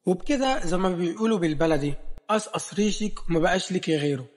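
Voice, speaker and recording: Brief: egyptian male narrator for a romance story, fast, slightly high voice. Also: in a large hall. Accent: Egyptian Arabic. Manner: brisk, direct storytelling. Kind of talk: audio novel narration.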